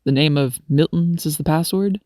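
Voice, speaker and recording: A woman voicing a polite, cheerful young male doctor in a storybook, speaking in a lowered, courtly, teasing way. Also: moderate pace, a little mellow, dry recording, studio quality, natural voice. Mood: genial.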